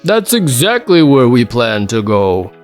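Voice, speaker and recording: A man voicing a kind, cheerful father bear in a picture-book reading, gentle and fatherly. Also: medium pitch, sing-song, a little slow, faint music behind. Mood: fond.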